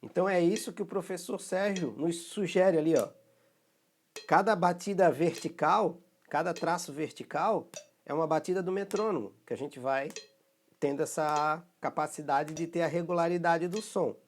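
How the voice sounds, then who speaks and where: Speaking in a fairly high voice with a Brazilian Portuguese accent, a man teaches a recorded music rhythm lesson. He patiently walks through each step, often pausing to make sure students are following, and a slight hiss or hum is audible.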